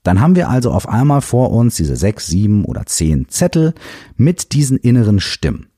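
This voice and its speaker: A man hosting a self-help podcast in casual, animated talk, emphatic and now and then swearing, close to the mic. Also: on the low side, normal speed, breathy edge, no echo. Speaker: podcast host.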